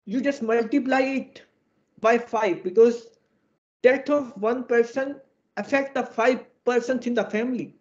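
A high-voiced man with an Indian English accent speaks earnestly and formally, leaning on idioms. He is heard through a screen recording of a video call, and the sound is dull and lo-fi. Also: unhurried. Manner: earnest and exhorting, fond of idioms. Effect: screen-recorded video call audio. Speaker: webinar presenter on electrical safety.

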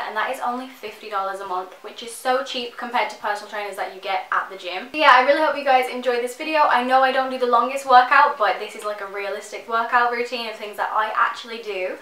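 A fitness vlogger in her twenties talks to the camera from her bedroom, her voice on the high side and sharp. She rambles enthusiastically through a casual, chatty sponsored vlog, saying "like" a lot. The recording is rough, with an echoey room sound.

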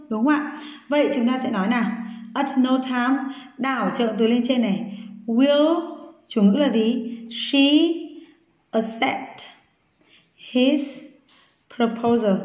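Female teacher, higher voice, coaxing and checking in often; echoey, lo-fi. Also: darkish tone. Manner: coaxing, keeps asking "đúng không ạ". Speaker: English teacher. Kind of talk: online grammar lesson. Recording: echoey room, dull lo-fi sound.

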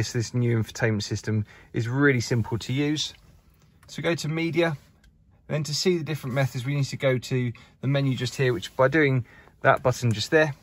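A man giving a casual walkaround of a used car in an indoor showroom, filmed on a handheld camera. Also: mid-range voice. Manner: upbeat salesman patter, filmed while walking. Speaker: car dealer presenting a used car. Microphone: camera held by the speaker.

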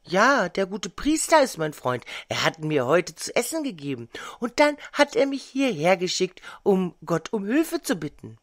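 A woman's voice: mid-range voice, very animated, normal speed, few pauses, dry recording, clean studio sound. A woman voicing a timid orphaned girl of about eight in a storybook reading, plaintive and shy.

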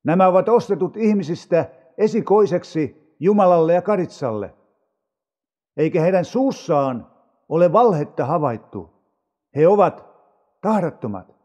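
A man reads scripture aloud in a solemn, measured manner. His voice sits high for a man but sounds mellow. The recording is somewhat dull and carries a long reverb. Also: lively intonation. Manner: measured, unhurried reading. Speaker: audio Bible reader.

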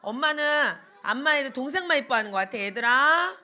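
Bright high-voiced woman preaching to children. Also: a little fast. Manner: animated, talks to kids with questions and playacted quotes. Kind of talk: children's sermon. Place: church children's room with kids.

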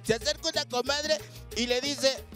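A male comedian on a TV studio stage tells jokes in a very high, playful voice, breaking again and again into his catchphrase. Clear music plays behind him. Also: a little fast. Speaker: stand-up comedian. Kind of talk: stand-up joke telling.

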